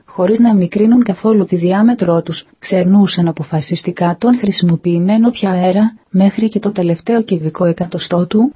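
A man reading a first-person story aloud in a measured, descriptive way, on a dull lo-fi recording. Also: high-pitched, warm tone, slightly rough. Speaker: audiobook narrator. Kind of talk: scripted first-person narration.

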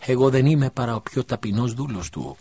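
A man's voice: medium pitch, expressive, breathy edge, voice pushed up. A man reading a humble, earnest prophet. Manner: gentle, modest, earnest. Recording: dull lo-fi recording.

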